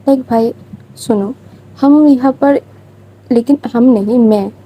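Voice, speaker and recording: A woman's voice: a little high, slow, warm tone, breathy edge, low-quality recording. A woman narrating a story in a chatty, informal way, with confiding asides to listeners.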